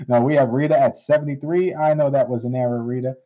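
A man hosting a live coin auction, repeating bids in steady auctioneer patter. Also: medium pitch, fairly quick. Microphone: unseen, hands on camera. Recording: dull lo-fi stream audio.

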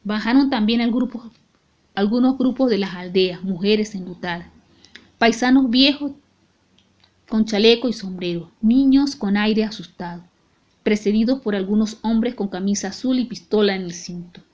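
A woman's voice: mid-range voice, moderate pace, a little mellow, dull audio. Latin American Spanish woman reading an audiobook. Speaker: audiobook narrator.

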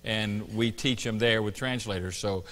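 Bright-voiced male pastor in a reverberant hall. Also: on the low side, normal speed. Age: middle-aged. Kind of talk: church sermon, conversational. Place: church sanctuary stage. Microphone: lapel.

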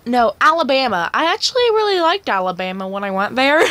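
A woman's voice: on the high side, big pitch swings, brisk, a bit bright. Rambling, giggly teenage girl vlogger. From Kansas, USA. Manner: rambling and self-correcting, with frequent giggles. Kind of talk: casual chat while taking an online quiz.

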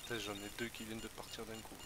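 A man's voice: lowish voice, flat delivery, fast talker, background noise. A laid-back man chatting casually with friends while gaming, swearing now and then. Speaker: gamer. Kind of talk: casual group chat over voice call.

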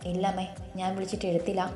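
Woman doing a soft caring young daughter-in-law in an audio story, mellow voice. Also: medium pitch, completely flat delivery, quick pace, echoey room, soft background music, lightly acted.

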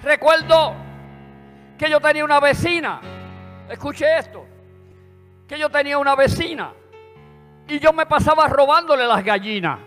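A Puerto Rican pastor preaches a sermon in a church sanctuary, his voice strikingly high, bright and forceful, with a Puerto Rican Spanish accent. He is fervent, moving at a moderate pace with long pauses and pushing into shouted praise. A long church reverb surrounds him, and instrumental music plays behind him.

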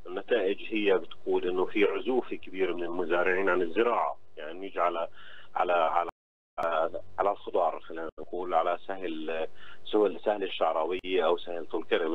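A middle-aged man with a Palestinian accent, speaking as an interview guest over the phone and explaining things in a halting way with repeated words. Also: sits low, steady tone. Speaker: phone-in guest, agriculture official. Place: on the phone to a radio studio. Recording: dull phone line with clear hum.

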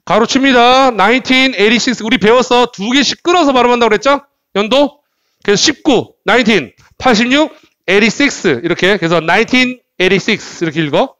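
Animated male English teacher lecturing. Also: extremely high pitch, a little fast, no echo. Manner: animated, repeats words and asks rhetorical questions. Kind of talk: classroom lecture.

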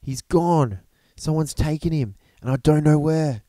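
A man's voice: mid-range voice, fairly even intonation, a little slow, warm tone, dry recording, natural voice. A man voicing a grieving young woman who pleads through sobs in a storybook reading. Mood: distraught. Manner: pleading, sobbing delivery. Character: grieving young woman searching for a lost body.

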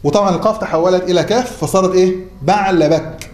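A man's voice: high voice, rapid-fire, darkish tone. A man with an Egyptian accent teaching a class, who keeps asking the students questions and then answering them himself. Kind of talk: classroom lecture. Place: classroom or mosque hall. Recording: roomy hall with faint noise.

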